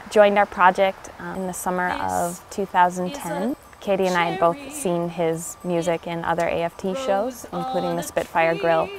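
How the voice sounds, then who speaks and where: A woman's voice: on the low side, poor audio. A woman co-writer of a musical, speaking reflectively in an outdoor documentary interview. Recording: music playing underneath.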